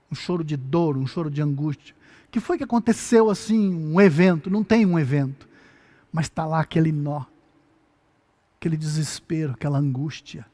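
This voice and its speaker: A man preaching a sermon, moving between soft, grave passages and loud, impassioned ones. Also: a little high.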